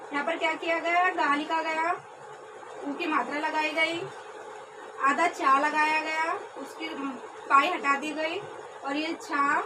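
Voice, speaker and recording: A young trainee teacher with a high voice leads a classroom lesson at an unhurried pace. She repeats each word carefully and poses questions that she then answers herself. The recording sounds distant, with clear background noise.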